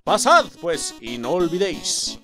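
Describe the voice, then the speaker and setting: A stern village guard barks orders in a loud, commanding voice, read by a man with a Mexican Spanish accent. The pitch is fairly high and animated, with game music behind. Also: unhurried, poor audio.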